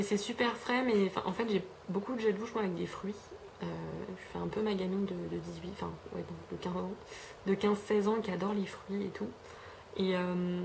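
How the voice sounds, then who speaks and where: In a casual haul review filmed at home on a camera mic, a young French beauty vlogger speaks in a gravelly, slightly mellow medium-pitched voice over slight background noise. She rambles chattily, leaning on fillers and frequent self-corrections.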